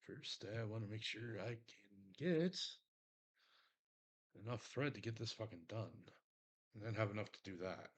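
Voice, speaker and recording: A man's voice: lowish voice, measured pace, long pauses, slightly rough, dull audio. A man with a Texan accent chatting casually while he sews leather on a stream, rambling, swearing freely and poking fun at himself. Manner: rambling, profane, self-mocking. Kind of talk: casual crafting stream chat.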